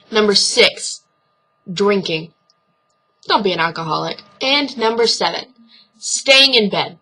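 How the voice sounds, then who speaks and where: A woman's voice: medium pitch, sharp tone, husky, rough recording. A young woman vlogging casual advice, blunt and earnest, swearing freely as she talks straight to the viewer.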